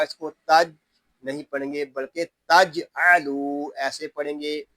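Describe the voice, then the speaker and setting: A man teaching Quran recitation rules word by word, patiently explaining each rule and chanting the verses in long, drawn-out tones. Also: mid-range voice, fairly bright tone, dry recording. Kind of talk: tajweed lesson, word by word.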